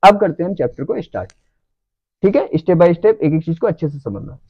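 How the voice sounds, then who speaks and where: Male teacher, fairly high voice, dry close sound, keeps checking the class follows. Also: big pitch swings, moderate pace, vocal fry, no echo, muffled recording. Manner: checks understanding with repeated questions. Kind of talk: classroom lecture.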